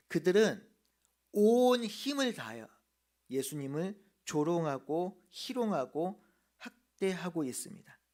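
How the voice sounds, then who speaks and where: A male pastor delivers an earnest sermon in a slightly high voice. He slows down to lean on the key phrases. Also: a little mellow. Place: church.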